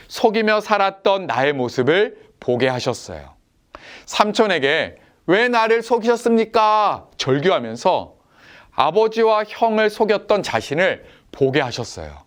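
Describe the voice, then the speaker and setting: A man in his thirties, a children's pastor giving a sermon, telling stories gently, posing quiz questions and acting out what his family members say. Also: on the high side. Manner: gentle storytelling, asking kids quiz questions; acts out quoted lines of family members.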